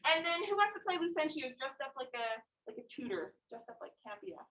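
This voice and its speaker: Lady english teacher, high voice, chatty and informal w her class, mic is pretty far off. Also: very animated, fast, a bit bright, highs cut off. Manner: informal, conversational, checks in with questions. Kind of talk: classroom lesson to students. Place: classroom, voice picked up from a distance. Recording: distant classroom recording.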